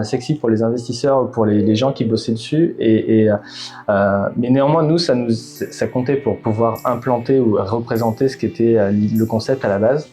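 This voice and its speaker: A middle-aged startup founder from Bordeaux, France, answers interview questions in a medium-pitched voice with a dark tone. He sounds hesitant, with many fillers and restarts.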